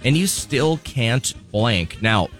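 A man's voice: medium pitch, animated, slow pace, fairly bright tone, soft background music. A man in his fifties co-hosting a morning radio show, chatting casually, laughing easily and poking fun at himself. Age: 50s. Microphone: studio microphone.

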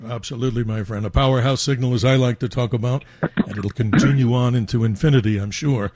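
A man's voice: mid-range voice, fast talker, a little mellow, no room sound. A man hosting a talk radio show with an effusive, promotional announcer delivery, speaking into a studio microphone. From New York metro area.

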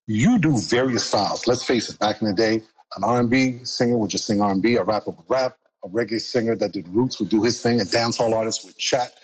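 A man hosting a radio interview, asking long, carefully framed questions in a measured way. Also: fairly low pitch, slight background noise, low-quality recording. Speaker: radio host.

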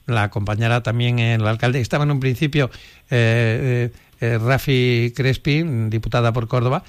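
A man from Spain hosting a local radio show, interviewing a guest and talking between segments, halting with many fillers. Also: mid-range voice, fairly even intonation, clean tone. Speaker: radio host.

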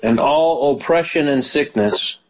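Callers phone in to a prayer show hosted by a pastor whose voice is a little high and whose pace is a little slow. He prays aloud fervently, repeating hallelujahs, and the recording quality is low.

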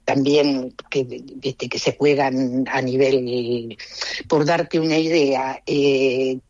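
A middle-aged woman from Argentina speaks with a Rioplatense accent, pausing and restarting often as she gathers her thoughts. Her voice comes through a dull, lo-fi line with a dry, close sound. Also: extremely low pitch, steady tone, a little mellow, no room sound. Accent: Argentine Spanish. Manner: hesitant, halting, many restarts. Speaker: guest living abroad.

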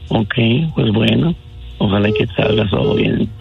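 A man's voice: lowish voice, steady tone, moderate pace, creaky, muffled recording, soft background music. A man calling his fiancée on air, easygoing and sweet-talking, a bit hesitant. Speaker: radio caller pranking his fiancée. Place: radio studio.

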